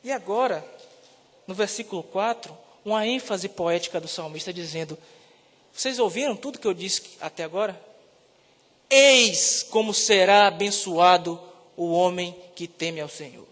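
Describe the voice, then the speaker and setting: A seminarian from Salvador, preaching a sermon and rising to loud, emphatic peaks on key words. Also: male voice, sits high, normal speed. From Salvador, Brazil. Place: church. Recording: reverberant church hall.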